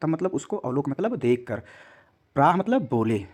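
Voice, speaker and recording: This is a male teacher with a Hindi accent whose voice sits slightly high for a man. He works through a text word by word and repeats every meaning, speaking to his students as "beta" in a lesson-style delivery. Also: big pitch swings, normal speed, a little mellow, breathy edge. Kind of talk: classroom lesson.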